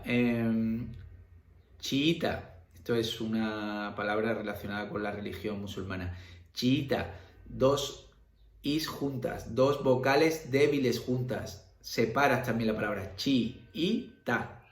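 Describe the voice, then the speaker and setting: A man's voice: medium pitch, unhurried. Male teacher, patient and filler-heavy, recorded in a roomy space. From Spain. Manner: explains patiently with many fillers and checks like "¿vale?". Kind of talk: recorded grammar lesson. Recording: roomy echo.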